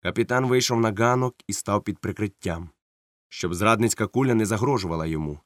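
A man narrating an audiobook in a measured, dramatic way. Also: on the low side, no echo, studio quality. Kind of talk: scripted narration.

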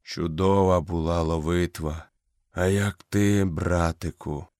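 A man voicing an old, dying male wolf who leads the pack, speaking low and weakly, short of breath, with a tender manner. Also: steady tone, slow pace, a little mellow, no echo, clean studio sound. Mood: weary, tender. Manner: low, weak, breathless murmur.

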